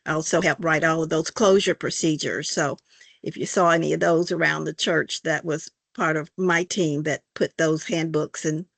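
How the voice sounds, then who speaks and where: An older woman from Arkansas, answering in a halting, folksy way with many fillers. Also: low-pitched, steady tone, creaky, a bit bright, dry recording. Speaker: interviewee, church member. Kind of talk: casual conversation.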